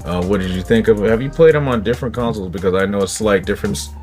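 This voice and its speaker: A man's voice: lowish voice, racing, a little mellow, soft background music. A man hosting a reaction video, giving casual commentary that rambles and searches for words. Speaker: reaction channel host.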